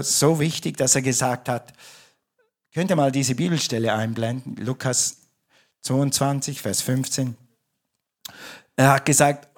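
A male pastor preaching in German with a mid-range voice. He speaks conversationally, breaking off sentences, restarting them and correcting himself as he goes. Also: mid-range voice. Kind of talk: sermon. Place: church.

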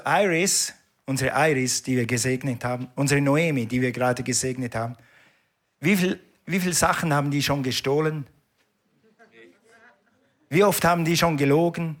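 A man's voice: a little high, fairly bright tone. A man preaching a sermon in a church, emphatic and repetitive, calling the congregation to respond. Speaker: pastor.

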